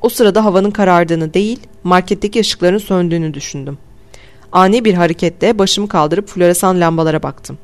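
A man calmly narrating a first-person audiobook in a measured storytelling voice. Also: high voice. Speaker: audiobook reader.

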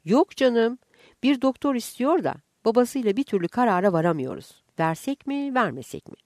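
A woman's voice: fairly high pitch, expressive, normal speed, a little mellow, no echo, pitched above the performer's own voice, close to an everyday voice. A woman doing a fretting, gossipy mother. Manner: raised, gossipy, emphatic.

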